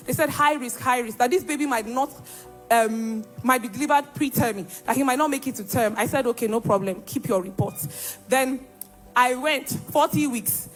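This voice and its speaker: A woman's voice: high voice, normal speed, a bit bright, soft background music. A young woman giving an emphatic church testimony and acting out the dialogue as she tells her story.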